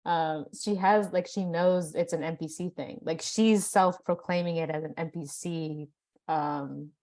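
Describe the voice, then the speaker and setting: A woman with a low voice chats on a podcast, pausing and restarting as she gathers her thoughts. Her talk is casual and tentative. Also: fairly even intonation, darkish tone. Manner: hesitant, halting with "um" and "like".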